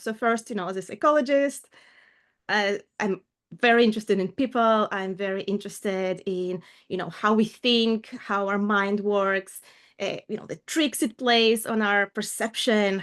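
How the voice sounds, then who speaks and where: This middle-aged coach, originally from Ukraine and raised in Israel, has a mid-range voice. As a guest in a casual video call interview, she comes across as earnest and thoughtful, using small fillers.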